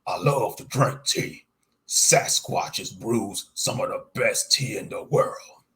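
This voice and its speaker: A man voicing a blunt, teasing, hairy Sasquatch with slow, drawn-out, bellowing talk in a narrated monster story. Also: on the low side, a bit bright. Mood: eager. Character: hairy male Sasquatch creature, blunt, teasing, tea-loving.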